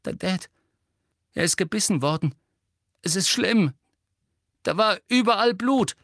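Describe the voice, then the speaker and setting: A man's voice: sits high, a little slow, vocal fry, breathy edge, no echo, clean studio sound, voice pushed up, full character voice. A man voicing a panicked teenage boy wizard in pain, gasping and agitated, in an audiobook reading. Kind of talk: audiobook character voice.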